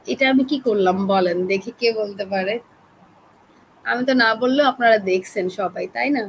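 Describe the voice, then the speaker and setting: A woman with a Bangladeshi accent teaching an online class, chatty and coaxing, keeping her voice soft to spare her throat. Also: fairly high pitch, normal speed, slight background noise, rough recording. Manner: chatty, coaxing, talks straight to learners.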